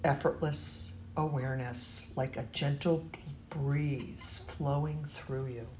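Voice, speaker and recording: A yoga nidra instructor leading a guided meditation in a soothing, gentle, deliberate way with long pauses. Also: mid-range voice. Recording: muffled, noisy recording with steady humming tone.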